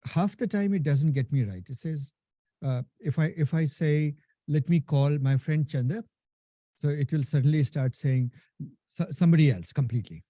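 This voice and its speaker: Fairly high-pitched and mellow, at a moderate pace with no echo, this instructor from India and Nepal speaks with a thick Indian accent. His live technical lecture is casual: he addresses the class as "guys," throws in lots of "right?" and often restarts what he's saying.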